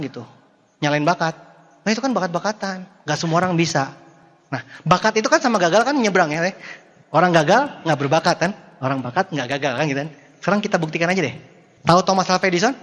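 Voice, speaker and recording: Guy with doing a motivational talk, high voice, cracking jokes, big reverby hall. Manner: joking, animated, addresses audience directly. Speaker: motivational speaker.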